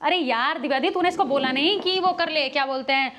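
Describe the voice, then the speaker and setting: A young woman in a casual prank vlog, bickering quickly and loudly with her siblings. Her voice sits high and she rattles her words out at speed. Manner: quick, loud and argumentative, whispers asides to camera. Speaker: vlogger staging a prank.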